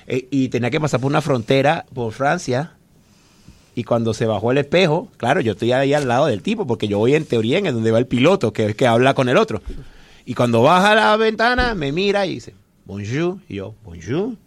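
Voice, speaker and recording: A man's voice: mid-range voice, expressive, a little fast, no room sound. A man, a musician guest, chatting loosely in a radio studio interview, telling rambling stories and repeating his words. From immigrant living in Spain. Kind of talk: casual radio interview chat.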